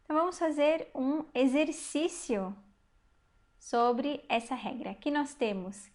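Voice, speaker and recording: A woman with a high, somewhat dark-toned voice teaches Hebrew in a recorded online lesson. Patient and methodical, she pauses to quiz the learner and pronounces each fresh Hebrew word slowly and deliberately.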